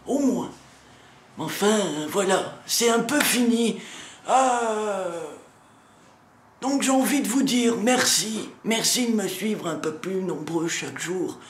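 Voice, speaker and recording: Speaking slowly in a high-pitched voice, a channel host announces meetups while playing a grouchy, foul-mouthed old riddle-keeper from a lighthouse. He grumbles and scolds the viewer through a sore throat for comic effect, in a reverberant space with slight background noise.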